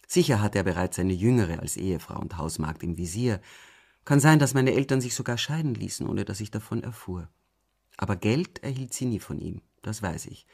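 Calm, low-voiced male audiobook narrator. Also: gravelly. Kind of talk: scripted narration.

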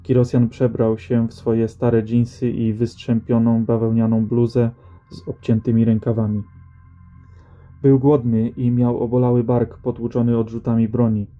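A man narrating a science-fiction story as an audiobook reader, with a calm, even storytelling delivery. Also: mid-range voice, normal speed. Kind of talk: scripted narration. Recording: slightly dull audio with faint music.

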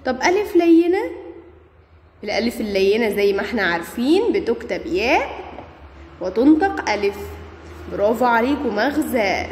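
In a classroom grammar lesson, an Egyptian-accented woman quizzes primary pupils and praises their answers. She speaks at a moderate pace in a slightly high, sing-song voice with long pauses. A faint hiss or hum sits under the recording, made in an echoey, long-reverb room.

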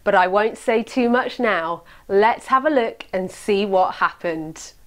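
A young woman leading a children's church video, talking brightly to children at home. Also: mid-range voice, unhurried. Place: indoors, plain wall.

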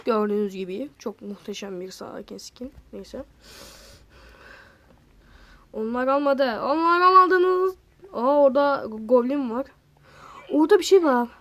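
Talking straight to her viewers, a female gaming-channel host gives casual, excitable commentary on gameplay and exclaims at other players. Her voice sits high.

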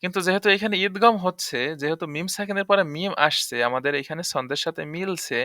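A man teaches tajweed rules, going over each point again and asking if it is clear. His voice sits a little high and sounds bright. The recording is close and dry. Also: fast, no echo. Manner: explanatory, repeats points and checks understanding. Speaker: Quran recitation teacher. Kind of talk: tajweed lesson explaining rules.

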